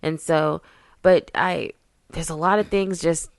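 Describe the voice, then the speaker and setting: A woman's voice: low voice, steady tone, measured pace, dry recording. Chatty woman, dry close mic. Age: 30s. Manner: laughs often, loose and chatty. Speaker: podcast co-host. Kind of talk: casual chat.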